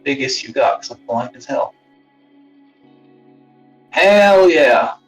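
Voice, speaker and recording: A man's voice: medium pitch, animated, takes it slowly. Man sounding boxy, as if inside a box. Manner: rambling, swearing, self-mocking, often muttering under his breath. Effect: boxy speakerphone sound, as if inside a box. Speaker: live streamer. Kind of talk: casual live stream chat. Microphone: phone used as a wireless webcam mic. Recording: distant boxy phone mic. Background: faint background music.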